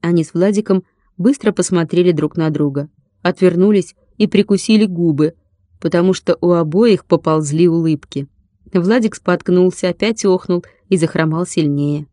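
A woman reading a children's story aloud as an audiobook narrator, in a calm, even storytelling manner. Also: lowish voice, moderate pace, dry recording, studio quality. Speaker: audiobook reader.

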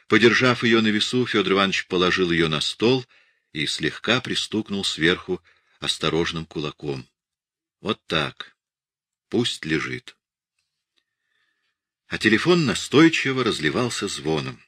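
A man narrating a literary audiobook in a calm, measured reading. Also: low voice, no room sound, studio quality.

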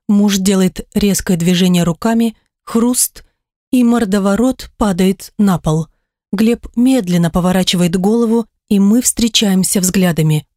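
A woman's voice: medium pitch, mellow, dry recording, studio quality. A woman reading an audiobook in first person, with an emotional, intimate storytelling manner. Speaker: audiobook narrator. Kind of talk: scripted first-person narration.

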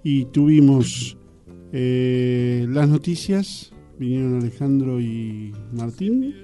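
A man hosting a community radio show, chatting in a relaxed, hesitant way on a studio microphone. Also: mid-range voice, slow, soft background music. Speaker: radio host. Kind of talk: casual radio chat.

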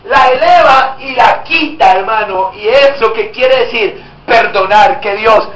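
A man's voice: very high voice, measured pace, fairly bright tone. A man preaching a sermon as pastor, emphatic and often asking the congregation rhetorical questions. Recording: echoey room.

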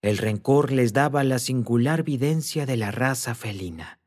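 A man narrating a classic novel as an audiobook with a slow, expressive, dramatic reading. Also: medium pitch.

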